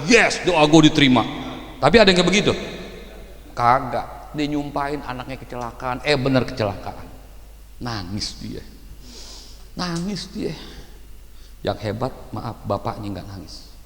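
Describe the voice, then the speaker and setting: A male preacher giving a mosque sermon, animated and swinging between shouts and low murmurs. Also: unhurried, long pauses. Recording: echoey hall reverb.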